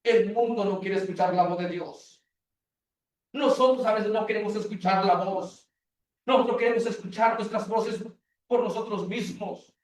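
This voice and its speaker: A man, a pastor, giving a sermon, preaching emphatically and repeating his phrases. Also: high-pitched. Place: church. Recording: echoey hall, mic far off.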